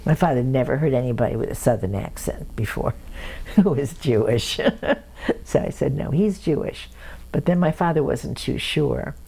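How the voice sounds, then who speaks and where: An older woman from Cleveland, Ohio, speaks in a bass voice at a moderate pace, creaky with a breathy edge. She tells family anecdotes with lively, frequent chuckles in an oral history interview, captured on a rough recording.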